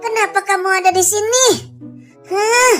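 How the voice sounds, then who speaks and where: Lady doing a creepy ghost girl who collects little girls, squeaky high voice, singsongy, music in back. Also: moderate pace, fairly bright tone. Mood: coaxing. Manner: sing-song, coaxing, childlike. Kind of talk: roleplay narration over game footage. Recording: faint background music.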